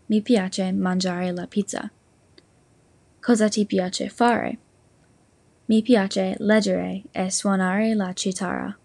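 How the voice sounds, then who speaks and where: A woman, a language learner, reading an Italian practice exercise slowly and carefully, with small slips. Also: medium pitch, creaky, a little mellow, no echo.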